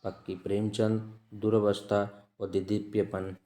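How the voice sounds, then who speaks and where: A man teaching as an exam-prep tutor, reading out test questions, then repeating each answer in a measured way. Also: on the low side, flat delivery, warm tone, reverberant. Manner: measured, repeats answers with frequent "ठीक है" checks.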